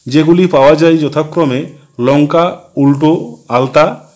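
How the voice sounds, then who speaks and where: A man narrating a scripted grammar lesson, explaining points one by one in a slow, measured way. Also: a little high, a little mellow. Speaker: teacher.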